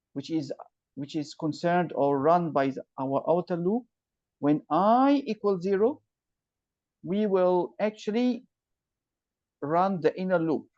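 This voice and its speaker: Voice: medium pitch, mellow, no echo. A computer science tutor on a video call, captured as a screen recording, who patiently walks through each loop step and checks that the student follows. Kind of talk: step-by-step online lesson. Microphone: computer mic on a video call. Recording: dull, dry video-call audio.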